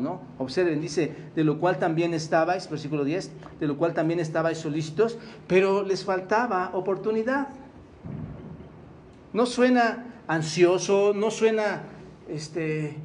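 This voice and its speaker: A man's voice: fairly high pitch, a little hiss or hum. A Mexican man preaching a sermon, often asking the congregation questions and repeating key words for emphasis. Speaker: pastor.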